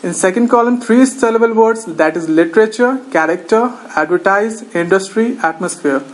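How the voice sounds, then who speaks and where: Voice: mid-range voice, normal speed, rough recording. A teacher giving a recorded lecture, methodically reading out lists of example words one at a time.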